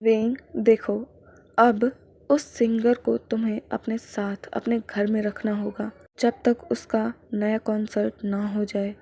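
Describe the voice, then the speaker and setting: A woman's voice: a little high, flat delivery, takes it slowly, creaky, dark tone, exaggerated voice. A stern army general, as a woman storyteller puts him on. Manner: commanding, firm.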